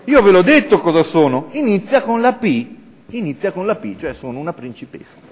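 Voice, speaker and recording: A small, annoyed boy from a storybook, as read aloud by a man, his lines pushed up somewhat higher than the reader's usual voice. He answers his friends with a pleading defiance. The long reverb of a council chamber lingers around him. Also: big pitch swings, fairly quick, a little mellow, breathy edge, full character voice. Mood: irritated. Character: small boy who wants to be a princess.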